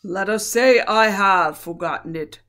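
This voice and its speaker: A woman voicing a great lion king who speaks gravely, slowly and with calm command. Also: medium pitch.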